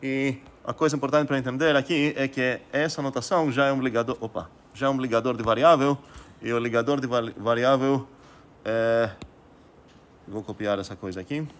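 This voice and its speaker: A man's voice: mid-range voice, fairly even intonation, moderate pace. A man giving a recorded math lecture, thinking aloud with many fillers and restarts and putting questions to the class. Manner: asks students rhetorical questions.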